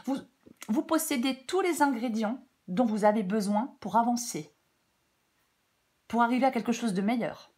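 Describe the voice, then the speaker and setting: Casting: female tarot reader, stuffy-nosed with a cold, informal and halting, breaking off into chatty asides. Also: fairly high pitch, a little mellow. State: congested blocked nose from a cold. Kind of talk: casual off-the-cuff tarot guidance.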